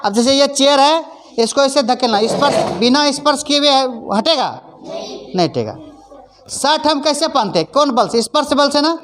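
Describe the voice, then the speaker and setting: A woman's voice: high voice, expressive, normal speed. A woman teacher explaining a lesson in plain, repetitive phrases, often checking that her pupils understand. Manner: leads call-and-response recitation. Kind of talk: classroom lesson. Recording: faint background noise.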